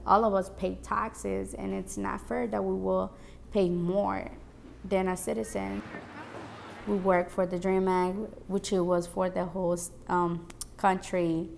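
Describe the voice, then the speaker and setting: Young woman, late teens, gravelly low-ending voice, hesitant interview answers. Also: flat delivery, measured pace, a little mellow, slight background noise. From El Salvador. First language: Spanish. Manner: earnest, hesitant with fillers. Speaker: student activist. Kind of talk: interview testimony.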